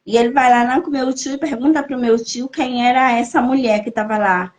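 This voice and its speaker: A woman's voice: fairly high pitch, steady tone, a little fast. A young Brazilian woman giving an emotional personal testimony on a podcast, telling her story and acting out the voices she quotes. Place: living in Germany, remote podcast.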